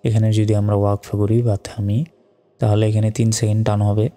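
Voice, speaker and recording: A man with a low, mellow voice teaching Quran recitation. He spells out each syllable slowly and chants the verses in a steady, even tone. The recording carries a long, echoey reverb. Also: faint music behind. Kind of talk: step-by-step recitation lesson.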